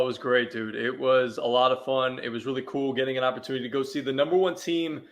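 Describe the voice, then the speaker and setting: A man's voice: mid-range voice, fairly bright tone. A man chatting as a guest on a sports talk show, telling easygoing stories with frequent restarts. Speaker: sports radio host, guest. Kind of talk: casual chat.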